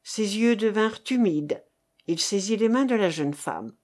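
A woman narrating a novel aloud in a measured, expressive storytelling manner. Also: medium pitch.

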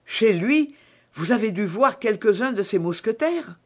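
A woman's voice: mid-range voice, lively intonation, measured pace, pitched above the performer's own voice. A woman reading a novel aloud, voicing a trusting young novice nun with an eager, pleading manner. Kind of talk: audiobook character reading.

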